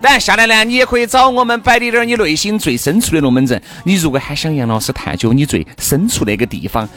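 A man's voice: a little high, expressive, fast talker, sharp tone, faint music behind. A man with a Sichuan accent hosting a radio show in a jokey, teasing way. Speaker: radio host. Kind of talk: bantering talk show chat.

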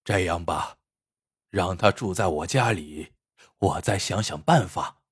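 A man voicing an old master healer who speaks slowly and deliberately in a spoken story. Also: low-pitched, expressive, husky, voice pushed down, heavily acted. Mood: measured. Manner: slow, deliberate.

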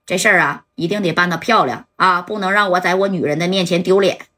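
Woman putting on a low, smooth playboy. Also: bright, forceful tone. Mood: commanding. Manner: soothing, boastful, drawn-out phrases. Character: smooth-talking rich young playboy man.

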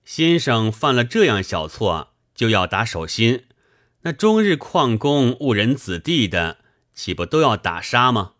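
A man's voice: medium pitch, big pitch swings, unhurried, a bit bright, dry recording, studio quality. A man voicing a blunt, boastful middle-aged merchant with folksy talk.

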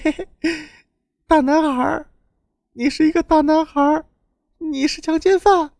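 A male narrator voicing a deranged young man who giggles and cries out in a high, wavering voice. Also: fairly even intonation, unhurried, vocal fry, darkish tone, no room sound, clean studio sound, full character voice. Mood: giggling. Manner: cackling, breaks into cries. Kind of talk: audiobook narration.

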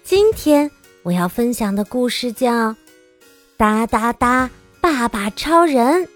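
Woman children's storyteller: high, slow, lively read, dry close mic. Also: faint music behind. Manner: lively, animated, childlike narration. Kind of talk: expressive storybook reading for children.

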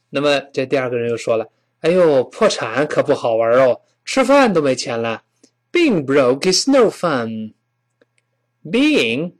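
Lively-voiced man teaching phrases. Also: mid-range voice. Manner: explains patiently, models English phrases slowly and repeats them. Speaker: English teacher. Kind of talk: spoken English lesson.

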